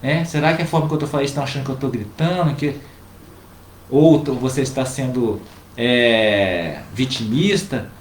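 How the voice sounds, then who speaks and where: A man, co-hosting a casual advice chat and calmly explaining to viewers. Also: medium pitch, moderate pace. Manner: calm, explanatory, addresses viewers directly. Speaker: co-host giving family advice. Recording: roomy with faint background noise.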